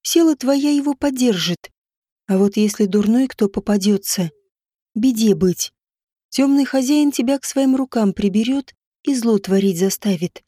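A woman reading an audiobook voices a dying noblewoman, a witch mother who is stern with servants and tender with her daughter, speaking low, muffled and breathy. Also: unhurried, mellow, no echo, studio quality. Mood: tender, fading.

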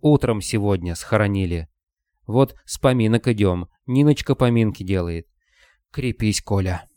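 A somber old retired teacher speaks in a low, dark, quavering voice, as a male narrator reads him. The tone is grave and steady in a storybook reading. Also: normal speed, clear, resonant tone, dry recording, clean studio sound, close to an everyday voice. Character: old man, retired math teacher, gloomy.

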